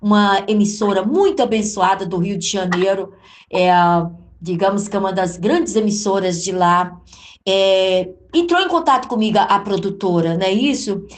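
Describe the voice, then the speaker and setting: A woman's voice: mid-range voice, normal speed. A woman hosting a religious interview and telling a story of her own, in a preacherly way, addressing others as sister and beloved. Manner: warm preacherly, calls listeners amada and minha irmã. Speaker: interview host and gospel singer.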